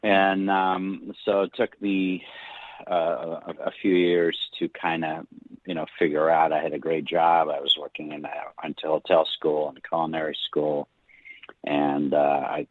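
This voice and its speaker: A middle-aged man from Hungary with a Hungarian accent, telling his story as a guest in a relaxed interview, halting with many restarts. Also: a bass voice, dry recording. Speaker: guest screenwriter. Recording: dry tinny phone-like line.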